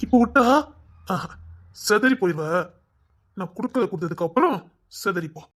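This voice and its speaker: Vengeful thug, threatening delivery, higher male pitch, audio story, performed by a man. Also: animated, moderate pace, a bit bright, husky, exaggerated voice. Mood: menacing. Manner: threatening, drops to a hiss.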